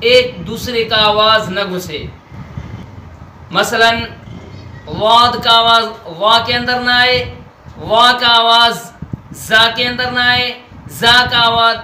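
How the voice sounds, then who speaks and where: A man with a Pakistani Urdu accent teaching Quran letter pronunciation, drilling letters slowly and deliberately. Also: very high-pitched, sharp tone. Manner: slow, deliberate letter drills with stretched sounds. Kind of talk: Noorani Qaida pronunciation lesson. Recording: echoey room with faint noise.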